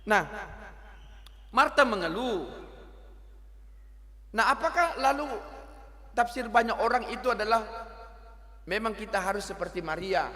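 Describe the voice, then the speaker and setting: Animated preacher in a reverberant church. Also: male voice, high voice. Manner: lively, teasing, mixes local words into his preaching. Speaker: pastor. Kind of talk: sermon.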